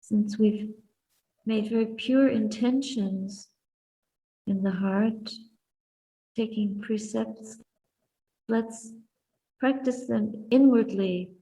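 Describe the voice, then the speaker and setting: A woman giving a Buddhist talk and guided meditation in a soft, calm, deliberate voice, speaking in short contemplative phrases with long pauses. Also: on the high side, far from the mic, low-quality recording. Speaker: Buddhist nun teaching and guiding meditation.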